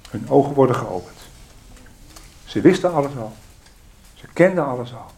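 A man preaching a sermon, swinging between loud pleading prayer and hushed, reflective murmurs. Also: medium pitch, lively intonation, moderate pace, vocal fry.

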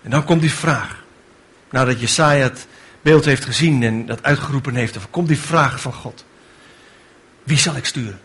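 A man's voice: medium pitch, moderate pace, fairly bright tone, breathy edge. A man preaching a sermon with fervent delivery, building to emphatic rhetorical questions.

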